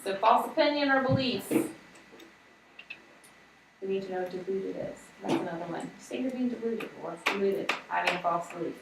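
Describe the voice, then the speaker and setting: A woman's voice: mid-range voice, moderate pace, creaky, recorded from a distance. A woman teacher leading a casual vocabulary lesson with a small class, talking in a loose, chatty way full of "like". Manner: casual, chatty, uses "like" often. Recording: roomy classroom audio from afar, with background noise.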